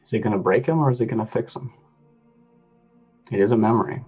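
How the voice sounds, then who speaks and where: A man's voice: lowish voice, quick pace, darkish tone, husky, dull audio, faint music behind. A man playing a tabletop role-playing game, talking casually with the group.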